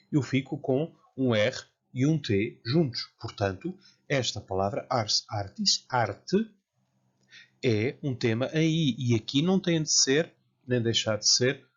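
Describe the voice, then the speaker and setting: Slow, husky man teaching a lesson. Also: medium pitch, fairly bright tone. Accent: European Portuguese. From Portugal. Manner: slow, careful, spells out word forms. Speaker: Latin teacher. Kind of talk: lecture. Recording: dull lo-fi sound.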